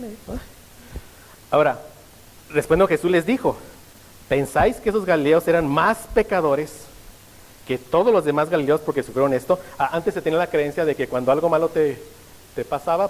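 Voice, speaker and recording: A man's voice: on the high side, long reverb tail, poor audio. A male pastor preaching a sermon, often stopping to ask the congregation rhetorical questions.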